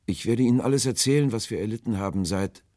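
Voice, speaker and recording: A man's voice: fairly low pitch, warm tone, no echo, clean studio sound, voice pushed up, lightly acted. A man voicing a frightened, starving old man who speaks in a hesitant, hopeless way in an audiobook. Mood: sorrowful. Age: older. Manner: hesitant, halting, sorrowful and hopeless. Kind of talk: audiobook character voice.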